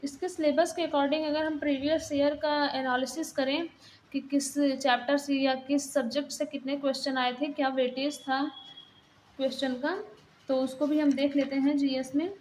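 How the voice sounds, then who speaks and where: A woman's voice: high voice, flat delivery, moderate pace, darkish tone, slight background noise, low-quality recording. A young woman giving a casual exam-prep lesson, explaining plainly while pointing things out in a book.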